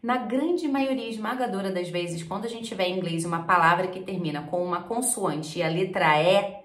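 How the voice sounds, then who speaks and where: Brazilian woman teaching pronunciation, echoey room. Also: fairly low pitch. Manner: repeats words slowly and clearly, lively explaining. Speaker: English teacher. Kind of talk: pronunciation lesson.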